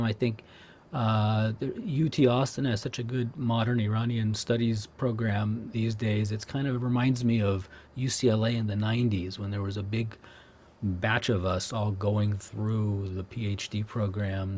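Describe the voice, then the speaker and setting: Relaxed older man interviewing, rambling. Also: on the low side, moderate pace, a little hiss or hum. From Southern California. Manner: relaxed, rambling, many fillers. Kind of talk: academic interview.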